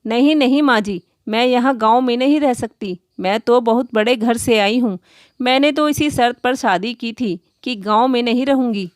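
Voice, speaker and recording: A proud, spoiled young bride from a rich family sneers at her in-laws, as a woman reads her lines in a storybook. Her voice sits fairly high and sounds close and dry, with no room around it. Her tone is scornful and haughty throughout. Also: normal speed, no room sound, lightly acted. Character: arrogant young wealthy daughter-in-law woman.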